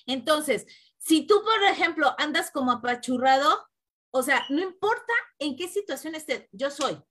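A woman talks in a relaxed spiritual podcast conversation. Her voice sits high and rings bright. She leans into repeated affirmations in an earnest, reassuring way. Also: moderate pace. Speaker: podcast co-host. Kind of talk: casual spiritual chat.

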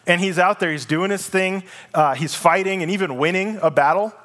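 A male pastor delivers a sermon in a relaxed, conversational way. He tells the story casually, slips in everyday slang, and reads scripture aloud in a slightly high voice. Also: fairly quick.

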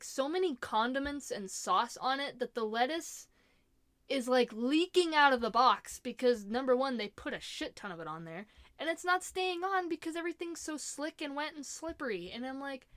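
A woman's voice: high voice, fairly bright tone, dry recording. A young woman ranting casually about her opinions in a chatty, exasperated way, laughing often. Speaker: vlogger.

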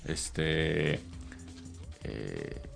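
A man's voice: very deep voice, sing-song, very slow, vocal fry, faint music behind. A man, a consultant, explaining business ideas in casual chat, with many hesitations and fillers.

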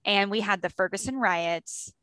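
A woman's voice: medium pitch, moderate pace, fairly bright tone, no echo. A woman hosting an interview, curious and stacking several follow-up questions. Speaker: host.

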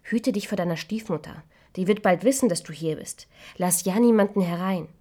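A woman's voice: fairly low pitch, normal speed, mellow, lightly acted. A woman doing the seven fussy little dwarfs. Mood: kindly. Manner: puzzled questioning, sometimes whispered. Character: seven small male dwarfs, kind and fussy.

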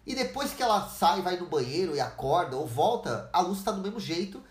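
A Brazilian woman speaks earnestly in a podcast monologue, her pitch rising and falling with lively movement. She often slips into quick acted-out exchanges between people. The sound carries a noticeable echo of the room around her. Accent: Brazilian Portuguese. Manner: earnest, acts out dialogue in quick changing voices. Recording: echoey room.

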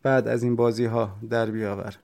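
A man's voice: medium pitch, little pitch movement, gravelly, darkish tone, close to an everyday voice. A man voicing a stern, mocking police officer during an interrogation. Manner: cold, mocking.

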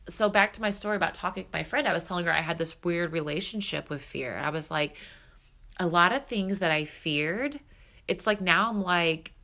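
Her voice is lowish, bright and forceful, a touch nasal and stuffed up. She's a woman in her thirties, a podcast host and spiritual coach, delivering a chatty, candid solo monologue heavy with fillers.

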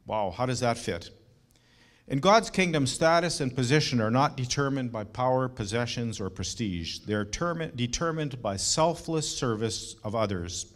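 A man's voice: medium pitch, animated, moderate pace. Earnest middle-aged male pastor preaching. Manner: earnest, emphatic preaching with rhetorical questions. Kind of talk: sermon.

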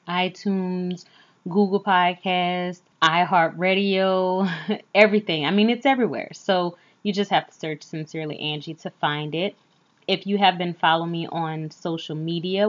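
A woman's voice: fairly low pitch, dull audio. A woman hosting a podcast solo, chatting in an informal, candid way. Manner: informal, candid, uses y'all. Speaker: podcast host. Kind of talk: casual solo podcast chat. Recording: slightly off, recorded on wrong mic.

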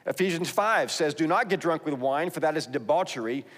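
A man's voice: on the high side, expressive, brisk, a bit bright. A man with a Texas accent preaching a sermon, conversational and emphatic, reading scripture aloud between his own remarks. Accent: Texan. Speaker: pastor. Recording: long reverb in a large hall.

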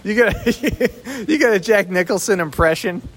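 A man's voice: sits high, expressive, normal speed, fairly bright tone, husky. Man talking with big hall echo. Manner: easygoing, teasing, chuckles often. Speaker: podcast co-host. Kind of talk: casual chat. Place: sheltered outdoor spot by an abandoned building. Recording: big echoey hall reverb.

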